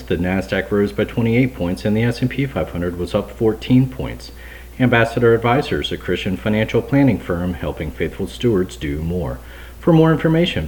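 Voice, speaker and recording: A man's voice: lowish voice, darkish tone, a little hiss or hum. A man reading a scripted financial news update as a formal announcer.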